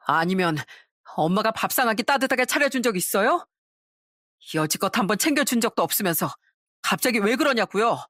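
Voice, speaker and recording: A woman's voice: mid-range voice, expressive, brisk, fairly bright tone, dry recording, clean studio sound. A woman voicing a young husband who bluntly accuses his mother. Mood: accusing. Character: young adult husband, blunt and resentful son.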